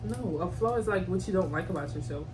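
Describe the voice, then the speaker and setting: A woman's voice: fairly low pitch, expressive, fast. A woman chatting casually and informally in a playful, teasing way as she hosts a question game. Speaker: host of a couple's mukbang question game. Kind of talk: casual chat. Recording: distant mic, clearly noisy background.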